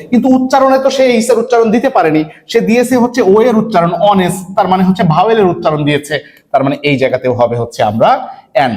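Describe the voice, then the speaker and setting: A man from Bangladesh teaching an English admission-test lesson online, who asks his students questions, answers them himself and repeats words slowly. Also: high voice, a little mellow. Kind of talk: online lecture.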